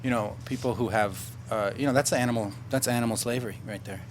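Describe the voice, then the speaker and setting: A man's voice: mid-range voice, a little hiss or hum. Joking male radio show host. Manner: jokey, quick interjections. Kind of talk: radio talk show banter.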